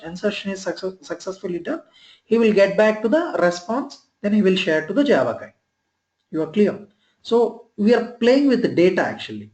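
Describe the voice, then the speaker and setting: Man, online class screen recording, trainer, slightly high voice, echoey call audio, halting and repetitive. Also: a little mellow. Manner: halting, repeats himself, often checks "you are clear?". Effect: heard through a screen recording of an online class session. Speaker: software trainer. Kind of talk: live online training lecture.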